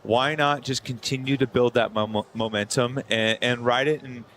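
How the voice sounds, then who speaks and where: A man's voice: mid-range voice, fairly even intonation, moderate pace, a bit bright, slight background noise. A man giving conversational live sports analysis as a co-commentator, often repeating words as he gets going.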